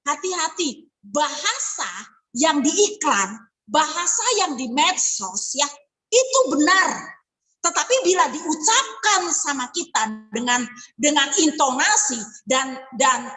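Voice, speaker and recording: A woman giving an online sales ethics lesson, lively and coaching. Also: high-pitched, slow, rough recording. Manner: lively, coaching, acts out sample dialogues. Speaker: sales trainer.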